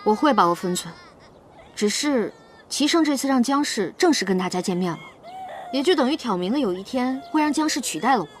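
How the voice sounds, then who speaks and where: An actress playing a shrewd, coaxing imperial consort in a costume drama. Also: female voice, fairly high pitch, lively intonation, a little fast, slight background noise, close to an everyday voice. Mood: calm.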